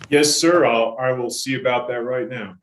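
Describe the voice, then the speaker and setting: A man's voice: medium pitch, fairly even intonation, moderate pace, fairly bright tone, a little hiss or hum. A man acting as an attorney at a formal hearing, giving brief, courteous replies over a video call. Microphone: video call, away from the mic. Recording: roomy and distant call audio.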